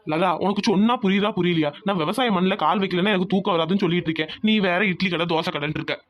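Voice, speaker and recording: Man voicing a cartoon farmer, grumbling, weary, frustrated, high, quick. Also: a bit bright. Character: frustrated middle-aged male farmer, grumbling.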